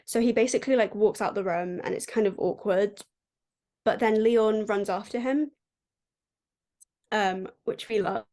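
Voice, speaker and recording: A woman's voice: medium pitch, measured pace, long pauses, warm tone. A woman co-hosting a podcast, casually recapping a book and filling her talk with "like.". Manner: chatty, heavy use of "like" fillers. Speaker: podcast co-host.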